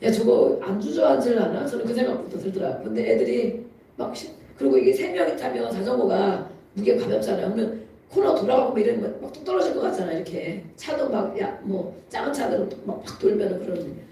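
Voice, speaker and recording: Preacher, conversational sermon, laughs often, bursts of emphasis, mellow voice, distant mic, very echoey church hall. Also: medium pitch, lively intonation, fast. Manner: chatty storytelling with frequent laughs; rising to emphatic exhortation. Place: church sanctuary.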